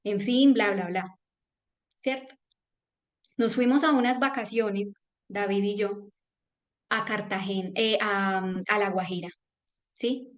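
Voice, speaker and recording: A woman's voice: medium pitch, slow pace, pauses often. A woman, sharing a personal testimony with an audience and acting out the voices in her story. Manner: animated storytelling, acts out quoted voices. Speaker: testimonial speaker.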